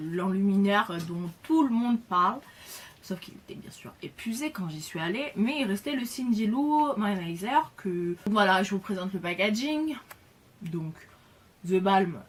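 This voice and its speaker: A woman chatting casually in a beauty haul video, enthusiastic, with lots of fillers and repeated words. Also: medium pitch. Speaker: beauty vlogger.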